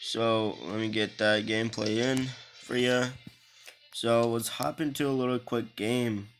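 A man's voice: medium pitch, fairly even intonation, measured pace, faint music behind. A young man with an Irish accent chatting casually over his mobile game footage, rambling and often restarting his words. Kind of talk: casual gaming commentary.

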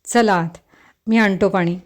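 A woman voicing a mysterious, charming young man in a storybook reading, speaking in an easygoing, soft-spoken way. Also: medium pitch, steady tone, a little slow, lightly acted.

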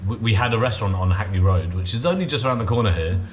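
A man's voice: on the low side, animated, racing, faint music behind. A man in his thirties who grew up in England, chatting casually in an interview about his restaurant. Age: 30s. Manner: chatty, many fillers like "you know". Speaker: restaurant owner. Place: indoor restaurant.

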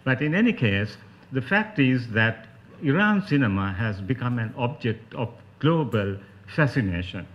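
Low-voiced Sri Lankan man lecturing, dull recording. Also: sing-song, unhurried. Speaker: academic panelist giving a talk. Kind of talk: spoken academic lecture.

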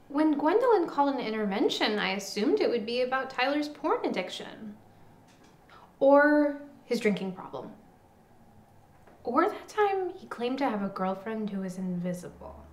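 A woman voices a prim, overly polite young roommate who speaks in careful, formal phrases. Her voice is high and swings widely in pitch. There is a roomy echo around her. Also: very animated, unhurried, pauses often, slight background noise. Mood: prim, composed. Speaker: roommate Margaret.

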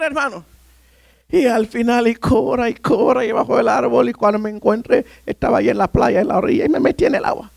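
High-pitched gravelly preacher telling a story. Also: male voice, no room sound, studio quality. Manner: animated storyteller, often addressing "hermano". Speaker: pastor. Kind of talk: sermon storytelling.

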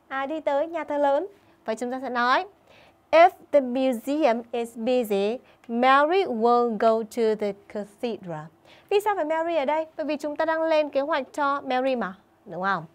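Higher-voiced woman teaching English. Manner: keeps checking in with pupils and slows down to model English sentences. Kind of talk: online video lesson for schoolchildren.

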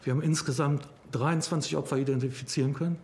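A man's voice: on the high side, steady tone, a little mellow. A middle-aged man, a police investigator, giving a formal press conference statement with frequent hesitations. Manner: formal, halting with frequent fillers. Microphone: table microphones.

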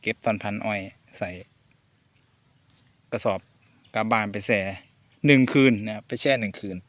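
A man's voice: on the low side, fairly even intonation, moderate pace, fairly bright tone, no echo. A Thai man from Korat, a sugarcane farmer, chatting in a loose, easygoing vlog with a Korat accent and Isan words mixed in. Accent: Korat (Nakhon Ratchasima) Thai, mixing in Isan/Lao words. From Thailand. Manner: easygoing, chuckling, loose and meandering. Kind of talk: casual rambling vlog talk. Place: farm field outdoors.

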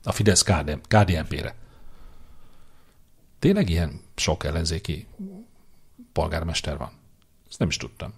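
Low husky guy on a podcast, bossy teasing predictions, lots of jokes. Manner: opinionated, teasing, quick to mock. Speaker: podcast co-host. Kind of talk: casual political chat.

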